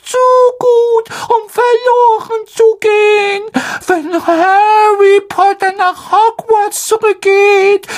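A woman voicing a tiny, devoted male house-elf, squeaky, hoarse, slow and tearful. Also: full character voice. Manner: squeaky, slow and pleading, on the verge of tears.

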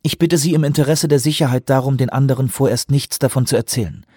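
A man voicing a controlled, insistent female commanding officer in a dry, husky-toned audiobook reading. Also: medium pitch, mellow, no room sound, pitched above the performer's own voice, lightly acted. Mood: urgent. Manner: insistent, measured pleading.

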